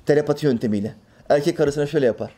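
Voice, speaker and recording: A man preaching a sermon in an animated way. He acts out everyday voices and drops to a soft, hushed tone for reverent lines. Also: fairly high pitch, rapid-fire.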